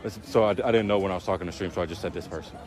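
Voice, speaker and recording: A man's voice: low voice, racing, a little mellow, some chatter behind. A man live-streaming outdoors on a city street at night, chatting casually in a rambling, joking way with plenty of fillers. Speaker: livestreamer.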